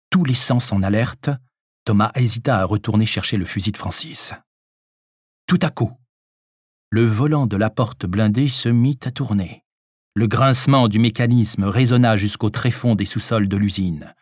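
A man narrating a suspenseful story in a steady, measured audiobook reading. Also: on the low side, dry recording, clean studio sound.

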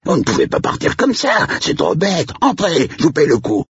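A man's voice: fairly high pitch, huge pitch swings, normal speed, slightly rough, no echo, pitched above the performer's own voice, heavily acted. A man voicing a blunt, slangy rural estate caretaker who swings from threatening to jovial. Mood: affable. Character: gruff rural male estate caretaker, jumpy then jovial. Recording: dull lo-fi recording.

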